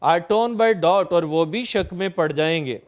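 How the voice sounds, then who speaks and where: A male English teacher, reading play dialogue slowly and paraphrasing it in Urdu, then listing synonyms methodically. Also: sits high. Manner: lists synonyms in a steady, methodical drone. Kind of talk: recorded lecture explaining a play line by line.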